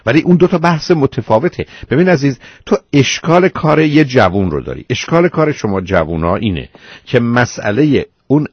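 A man's voice: medium pitch, sing-song, husky, no room sound, highs cut off. A man hosting a call-in advice show, lecturing a caller patiently but firmly and calling her dear. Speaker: radio advice host.

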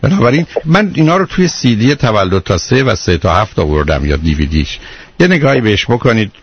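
A middle-aged man giving parenting advice to callers on a radio call-in show, in a calm and patient manner. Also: lowish voice, breathy edge. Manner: calm, patient, explaining at length. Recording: muffled radio broadcast.

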